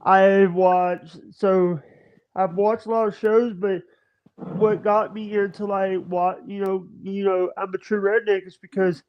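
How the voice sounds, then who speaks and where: Halting, stammering man in his thirties. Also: sits high, flat delivery. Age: 30s. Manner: halting, stammering, many restarts. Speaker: livestream guest. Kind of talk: casual chat. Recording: dull lo-fi stream audio.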